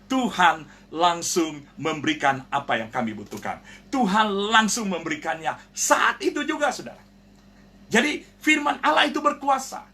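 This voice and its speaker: A man's voice: high-pitched, very animated, moderate pace, sharp tone. A man pastor preaching a sermon to his congregation, earnest and direct, often calling listeners "brothers and sisters" and acting out the voices in his stories. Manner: earnest preaching, addresses listeners as "saudara", acts out quoted voices. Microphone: online prayer broadcast.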